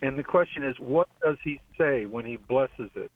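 A man calling in to a radio show over a buzzy, glitchy phone line that cuts out. He speaks haltingly, often losing his thread and starting over. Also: mid-range voice, no room sound. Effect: buzzy, glitchy phone call audio that cuts out. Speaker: caller. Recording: tinny dry phone line.

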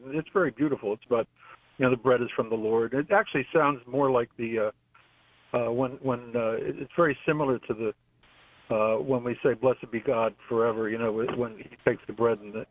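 A man calls in over a buzzy, glitchy phone line that keeps dropping out. The sound is tinny and dry. His pitch is middling, and he talks in halting, restarting phrases. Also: fairly even intonation, no room sound. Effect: buzzy, glitchy phone call audio that cuts out. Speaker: caller. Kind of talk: phone-in question to a radio show.

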